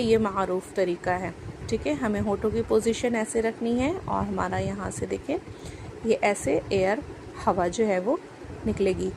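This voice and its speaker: A woman teaching Quran recitation, demonstrating vowel sounds with drawn-out syllables and frequent check-ins. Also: fairly high pitch, darkish tone, a little hiss or hum, rough recording. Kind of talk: pronunciation demonstration.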